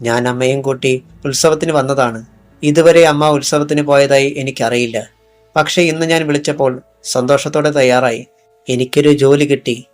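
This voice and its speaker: A man reading the part of a calm, brave young man wounded by a bullet, in an audiobook. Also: medium pitch, moderate pace, faint music behind, close to an everyday voice.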